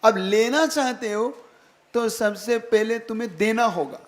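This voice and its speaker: A man's voice: sits high, a little slow. A man, a Jain monk, giving a sermon, emphatic, repeating key phrases and often asking if listeners follow. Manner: keeps checking the listeners follow with direct questions.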